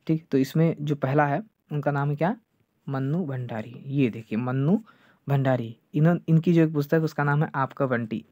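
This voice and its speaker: A male teacher giving an online exam-prep lecture, checking "clear?" over and over and slowing down to drill names. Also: on the high side, no echo. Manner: repeats "ठीक है" and "clear है" often, drills names slowly. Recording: dull lo-fi dry sound.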